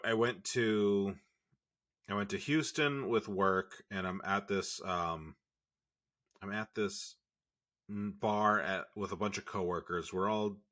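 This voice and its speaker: A man's voice: low-pitched, fairly bright tone. A man in his late thirties co-hosting a podcast, telling rambling stories in casual chat. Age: 30s. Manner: rambling, self-interrupting. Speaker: podcast co-host.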